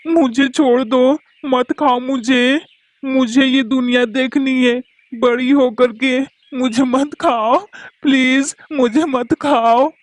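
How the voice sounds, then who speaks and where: A brave little girl bird, voiced by a woman in a cartoon, speaking slowly and defiantly in a raised voice. The recording is close and dry. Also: high voice, steady tone, no echo. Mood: pleading. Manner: defiant, pleading.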